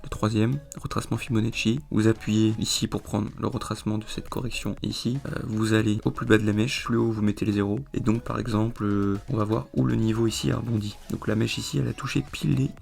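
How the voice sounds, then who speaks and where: A man explaining a trading chart in a screen-recorded tutorial, rambling with many fillers, his voice a little hoarse. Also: fairly low pitch, level tone, fast talker, few pauses, a little mellow. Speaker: trading video host.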